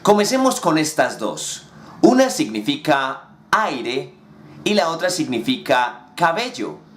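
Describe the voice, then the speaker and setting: A man's voice: a little high, big pitch swings, fairly bright tone, slight background noise. Man teaching English, roomy echo. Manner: slow, carefully enunciated English examples. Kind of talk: explaining English words in Spanish.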